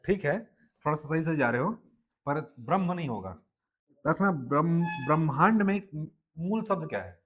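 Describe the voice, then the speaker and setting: A man with a Chhattisgarhi-tinged accent leads a live Hindi lesson, his voice sitting a little on the high side. He checks in with the class constantly and slows down to spell words out one sound at a time. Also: sing-song, soft background music. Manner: drills students with frequent "ठीक है" checks. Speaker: Hindi teacher at a coaching class.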